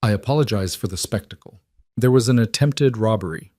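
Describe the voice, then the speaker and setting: A man putting on a sharp-tongued Boston lady. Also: fairly low pitch, a little fast, dry recording, clean studio sound, lightly acted. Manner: crisp and sharp. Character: proud young woman from the east, sharp-tongued.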